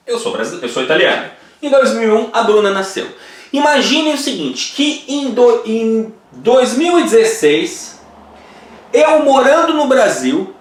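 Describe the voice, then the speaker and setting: A Brazilian man in his forties teaches an online course at a whiteboard in an indoor room, frequently checking that the viewer is keeping up. His voice sits high with a fairly bright tone, and the sound is roomy.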